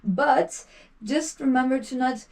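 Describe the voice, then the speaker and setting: A woman's voice: sits high, slow, darkish tone, far from the mic. A woman teaching singing in an upbeat manner, explaining techniques and then demonstrating the sounds herself. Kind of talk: vocal lesson with demonstrations.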